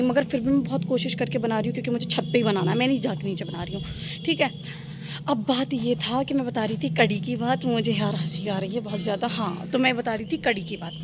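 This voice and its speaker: A woman's voice: a little high, heavy background noise. Chatty young woman vlogging on a rooftop. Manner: chatty, rambling, giggly. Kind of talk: casual chat to camera. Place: rooftop outdoors. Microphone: phone camera.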